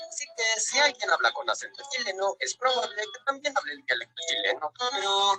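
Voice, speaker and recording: A performer voicing non-human beings in an animated educational video, trading playful questions about how humans act and talk. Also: mid-range voice, rough recording. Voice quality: playful, questioning back-and-forth. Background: background music.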